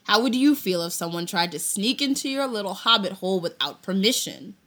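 A woman voicing a big gentle giant. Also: medium pitch, lively intonation, a little fast. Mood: grim. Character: huge bearded gentle male half-giant traveler. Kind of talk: amateur audio drama reading.

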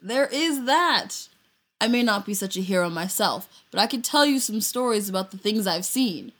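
A woman's voice: medium pitch, lively intonation, moderate pace, a bit bright. A woman voicing a huge bearded half-giant traveler in an amateur audio reading, blunt at times and bashful at others, heard a little away from the mic. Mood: warm.

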